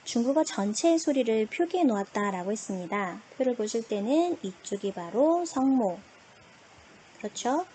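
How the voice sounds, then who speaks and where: A woman's voice: fairly high pitch, animated, moderate pace, dark tone, a little hiss or hum. A woman teaching an online language lesson, patiently asking questions and answering them herself. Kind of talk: online classroom lecture.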